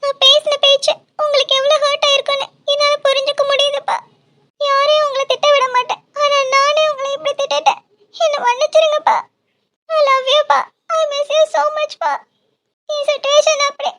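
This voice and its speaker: A woman's voice: very high-pitched, little pitch movement, normal speed, fairly bright tone, slight background noise. A woman voicing a young female college student in a cartoon, emotional and apologetic. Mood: remorseful. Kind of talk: cartoon dialogue.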